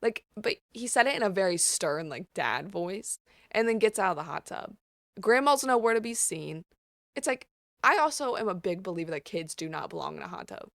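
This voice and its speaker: Female host, casual profane storyteller, mid-range voice with vocal fry, dry close sound. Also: mid-range voice, normal speed, dry recording. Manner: blunt, profane, animated storytelling. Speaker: podcast host.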